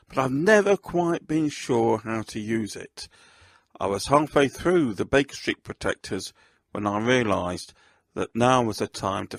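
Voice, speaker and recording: There's no echo as this author and host, a man, considers the books he wrote. His voice is husky and gravelly at a medium pitch, and he paces himself deliberately.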